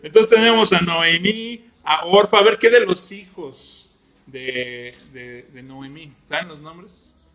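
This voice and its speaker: Male Bible class teacher, fairly high, bright voice, chatty and questioning. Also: slow pace. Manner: conversational, asks the class questions and jokes with students.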